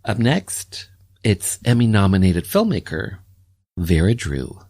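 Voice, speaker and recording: Low-voiced male radio host. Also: wildly swooping pitch, slow, darkish tone, slight background noise. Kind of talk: interview and scripted announcements.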